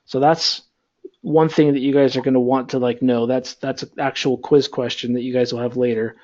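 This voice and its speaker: A man's voice: mid-range voice, moderate pace. Guy teaching a class over a video call, laid back, lots of ums, kinda dull computer mic sound. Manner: rambling, filler-heavy, relaxed. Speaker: instructor. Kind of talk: online class lecture.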